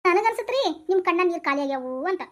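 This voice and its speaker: A woman's voice: very high-pitched, expressive, fast. Woman playing a chatty dim-witted constable. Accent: North Karnataka Kannada. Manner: chatty, deferential to his boss. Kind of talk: comic skit acting.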